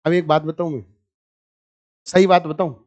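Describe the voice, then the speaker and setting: A man's voice: on the high side, steady tone, normal speed, darkish tone. A male chemistry teacher, giving a live classroom lecture, teasing his students and walking them step by step through structures while asking them for answers.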